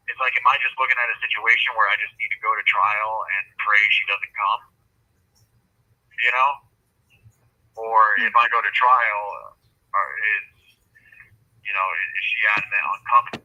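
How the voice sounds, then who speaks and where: A man's voice: fairly low pitch, sharp tone, slightly rough. Hesitant man on a prison phone. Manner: hesitant, many fillers and restarts. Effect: prison phone line. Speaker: jail inmate on a call. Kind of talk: casual phone chat. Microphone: phone handset.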